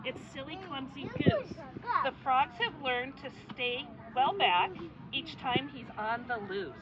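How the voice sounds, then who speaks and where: A woman reading a picture book aloud to children outdoors at a farm, animated and coaxing them to make animal sounds. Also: sits high, a little slow. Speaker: storyteller at a petting zoo. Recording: dull lo-fi sound with a loud crowd of children.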